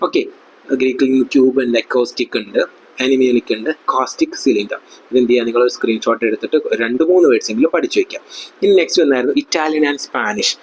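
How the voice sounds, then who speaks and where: A young man with a Malayali accent teaches an exam-prep class, his voice sitting at a middle pitch. He explains each point in his own language mixed with English terms. When he reads out English passages, he slows down. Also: slightly rough, low-quality recording. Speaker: lecturer.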